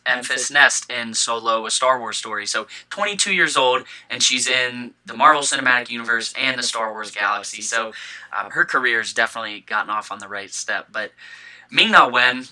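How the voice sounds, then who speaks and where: A young man co-hosts a casual fan podcast, his mid-range voice bright and forceful over poor audio. He talks enthusiastically, full of fillers and restarts, and he has the hiccups.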